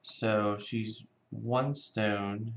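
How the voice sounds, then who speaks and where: A man's voice: on the low side, fairly even intonation, drawn-out words, gravelly, roomy sound, slight background noise. A man new to the game, thinking aloud and asking about the rules in casual board game chat. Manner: thinks aloud quietly, unsure. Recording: dull lo-fi recording.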